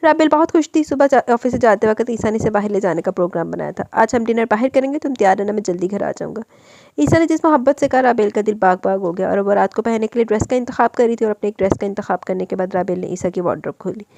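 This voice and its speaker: A woman's voice: mid-range voice, creaky, warm tone, dry recording. A woman narrating a romance novel as a storyteller, reading dramatically and breaking off into chatty asides.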